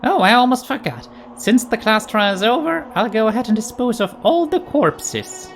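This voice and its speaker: A woman's voice: on the high side, lively intonation, moderate pace. A woman voicing a gleefully mocking, mock-polite robot bear villain from a video game. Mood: gleeful mockery. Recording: game music behind.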